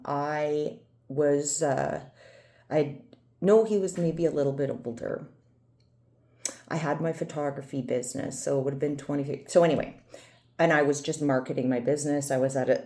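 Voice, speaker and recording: A woman's voice: rumbling low, a little mellow. A woman in her forties telling a personal story in a meandering, chatty way, often correcting herself. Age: 40s. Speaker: vlogger. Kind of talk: casual storytelling.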